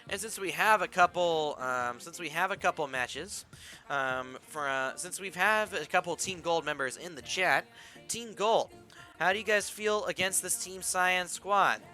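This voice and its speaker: A young esports caster and stream host does casual play-by-play while chatting with his stream chat, rambling as he goes. His voice is high, sharp, and a little raspy from losing it, with a measured pace. Stream music plays in the background.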